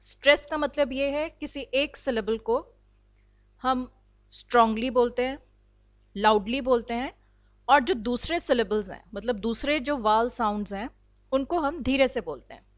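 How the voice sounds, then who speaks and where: A woman with an Indian accent teaching an online English class, explaining slowly and deliberately and mixing in English phrases. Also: a little high, dry recording. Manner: slow, deliberate explaining, switching between Hindi and English. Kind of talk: online lecture.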